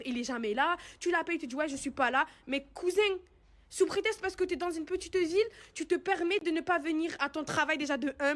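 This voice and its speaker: A woman's voice: sits high, a bit bright, no room sound. A young woman telling her followers a personal story in a casual, indignant, slangy way, with emphatic retelling.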